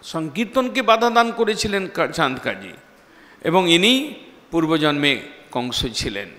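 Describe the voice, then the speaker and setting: A man delivers a devotional sermon as a monk, his fairly high voice swinging between loud, dramatic peaks and hushed drops. He chants verses between passages of storytelling. His voice rings with a long reverb in a hall. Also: very animated, a little slow. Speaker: monk preacher.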